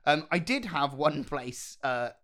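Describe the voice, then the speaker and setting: A man's voice: fairly high pitch, expressive, takes it slowly, fairly bright tone. A man with a posh British RP accent, chatting casually as a co-host and rambling hesitantly through his stories. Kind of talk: casual chat.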